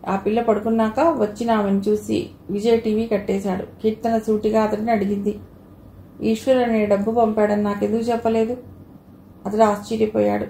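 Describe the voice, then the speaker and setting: A woman narrates a novel in a steady, measured reading. Her voice is warm and mellow, and it rings with a room echo. A faint hiss sits behind it. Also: medium pitch. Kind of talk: scripted narration.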